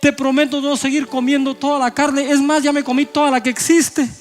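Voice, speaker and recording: A man with a Guatemalan accent voicing a desperate sick man who pleads to be healed in a high, strained voice. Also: level tone, a little fast. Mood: pleading.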